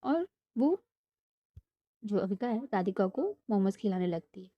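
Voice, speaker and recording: A woman's voice: medium pitch, expressive, measured pace, no room sound. Chatty young woman telling a story. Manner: chatty, mixing in English words. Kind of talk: casual storytelling. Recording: dull lo-fi dry sound.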